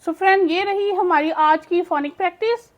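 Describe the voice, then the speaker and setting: A woman teaching English phonics, explaining slowly in Urdu and saying each word twice. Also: very high voice, dull audio. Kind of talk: slow phonics lesson.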